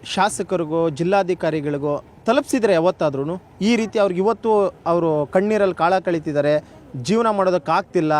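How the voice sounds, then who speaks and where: A man's voice: high-pitched, normal speed, a little mellow. A man reporting on location for the news, putting probing, emphatic questions to villagers outdoors. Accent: Kannada. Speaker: field reporter.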